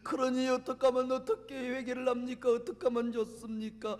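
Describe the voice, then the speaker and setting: An ashamed, tearful woman, as a preaching man acts her out, pleads for a way to repent. The voice sits very high and hangs in a long hall reverb. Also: monotone, a little fast. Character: tearful adult woman confessing adultery, ashamed.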